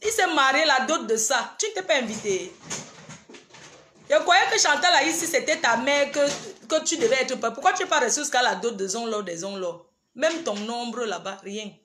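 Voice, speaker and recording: A woman's voice: high-pitched, bright, forceful tone, roomy sound, slight background noise. A woman, ranting on a livestream and scolding her rivals directly. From Cameroon. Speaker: livestream host. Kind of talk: heated livestream rant.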